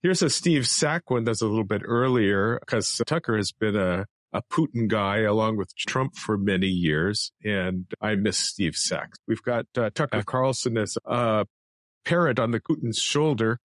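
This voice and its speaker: A man's voice: on the low side, a little slow, no room sound, clean studio sound. A man hosting a casual political talk show, walking through cartoons and debating a guest. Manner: animated, reads out cartoon captions. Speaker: host.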